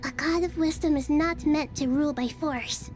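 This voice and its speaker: A gentle young goddess of wisdom, voiced by a woman, answers with calm sincerity in a high, light voice. Her game lines sit over faint music. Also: normal speed, close to an everyday voice. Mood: earnest. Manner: soft, earnest, composed.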